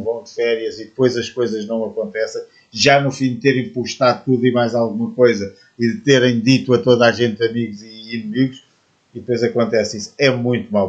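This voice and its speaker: A man with a European Portuguese accent commenting casually as a reaction video host, relaxed and explaining. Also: mid-range voice, lo-fi sound. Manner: relaxed, explaining and giving advice.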